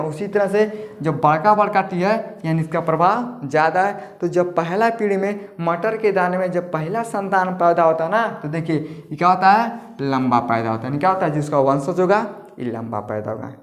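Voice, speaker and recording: A man's voice: high-pitched, normal speed. A man teaching a biology lesson at a board in a folksy, repeating key words back as questions. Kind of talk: blackboard lesson.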